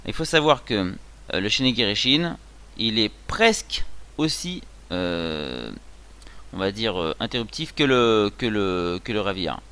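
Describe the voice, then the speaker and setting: A man giving a spoken lesson on reading a Hebrew prayer, explaining patiently with many fillers and sounding words out slowly. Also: lowish voice, very animated, sharp tone, clear, resonant tone.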